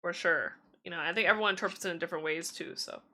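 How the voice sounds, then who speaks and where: A woman's voice: lowish voice, racing, pushed and bright, a little hiss or hum. A woman streaming tarot readings in casual chat, chatty and giggly with lots of fillers, her voice slightly strained.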